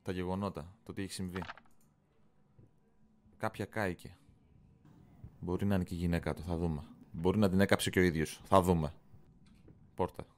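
A man's voice: deep voice, little pitch movement, long pauses, slight background noise. A man hosting a horror game let's play, commenting casually, swearing often and yelping when startled. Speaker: gaming channel host.

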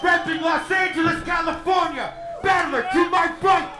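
A man announcing a live rap battle, shouting drawn-out calls to the crowd. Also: very high-pitched, fairly even intonation. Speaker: battle emcee. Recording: echoey venue with music and crowd noise.

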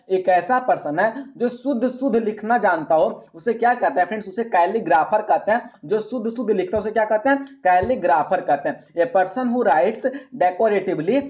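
High-voiced man teaching vocabulary. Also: darkish tone, highs cut off. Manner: repetitive question-and-answer teaching, asks "friends" often. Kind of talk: online exam-prep lesson.

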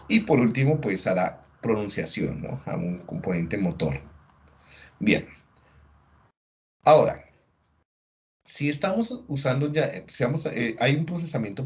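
A man giving a class lecture, explaining step by step, often pausing to check in with his listeners and rephrasing himself as he goes. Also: fairly low pitch, a little mellow. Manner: restarts and rephrases mid-sentence. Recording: dull lo-fi audio.

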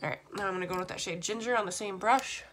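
A beauty vlogger in her thirties talks casually through a makeup tutorial from a small room at home, her nose stuffy from a cold. Her medium-pitched voice is fairly bright and comes out rapid-fire.

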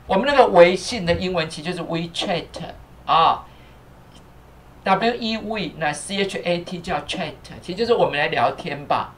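A man's voice: sits high, moderate pace, a bit bright, slight background noise. Chatty male teacher spelling out English words. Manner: spells words letter by letter, repeats phrases, many fillers; thanks viewers and asks the crew to fix captions. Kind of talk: live-streamed English lesson.

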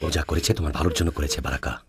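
A man voicing a kindly, wise older clan chief in a dubbed drama, with a husky voice and a soothing manner. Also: extremely low pitch, fairly even intonation, very fast. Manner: kind, soothing.

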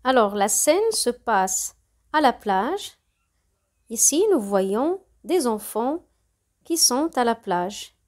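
A woman teacher speaks in a fairly high voice at a slow, deliberate pace. She reads a simple text aloud and then explains it to learners, spelling out letters and repeating words so they can follow. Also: big pitch swings, a little mellow. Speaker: French teacher. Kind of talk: slow, careful reading and explanation lesson.

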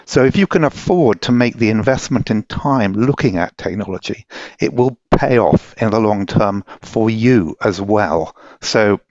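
A man's voice: lowish voice, lively intonation, unhurried, a little mellow, no echo, lo-fi sound. A man in his sixties giving an informal comment as a company chief on a video-call headset. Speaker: company founder and CEO. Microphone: headset boom mic on video call.

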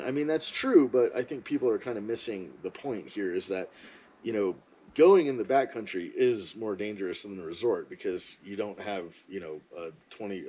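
A man's voice: lowish voice, darkish tone, husky, poor audio. A man giving a casual, rambling, opinionated monologue as a ski vlogger.

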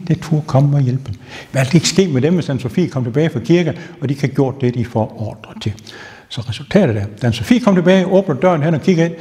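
A male castle tour guide telling ghost stories to visitors as a lively storyteller who builds suspense. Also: fairly high pitch. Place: castle rooms and wine cellar, indoors. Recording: long reverb in a stone castle room.

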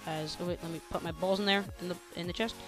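A man's voice: high voice, fairly even intonation, fast talker, fairly bright tone, faint music behind. A teenage boy giving casual, goofy gameplay commentary and chatting to his viewers as he plays. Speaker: gaming channel host.

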